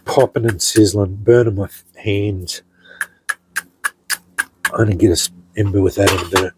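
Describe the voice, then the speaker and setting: A middle-aged man, a hobby blacksmith, casually showing off his finished pieces in an unhurried, rambling way, with many ums and restarts. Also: on the low side, steady tone, a little mellow, slight background noise, rough recording. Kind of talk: casual show-and-tell narration.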